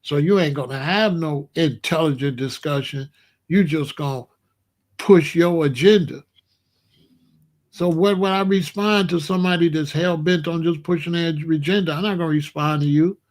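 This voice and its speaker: Here the host of a live commentary stream, his voice on the high side and his pace moderate, addresses chat in an unscripted rant. He comes across as blunt, confrontational and repetitive, calling out a viewer in the chat.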